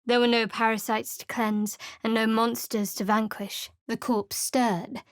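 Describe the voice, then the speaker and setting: In these studio voice lines an actress plays a game companion character, a guarded young cleric with secrets and a sardonic edge. Her fairly high voice barely moves in pitch and takes its time, recorded without echo, with a cool, wry, dry way of talking.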